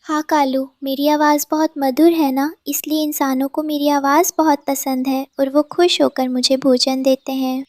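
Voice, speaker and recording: Woman as a high, sweet cartoon cuckoo. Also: little pitch movement, normal speed, hardly any pauses, no echo, clean studio sound, close to an everyday voice. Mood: proud. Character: sweet, gentle female cuckoo bird. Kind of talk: children's cartoon story acting.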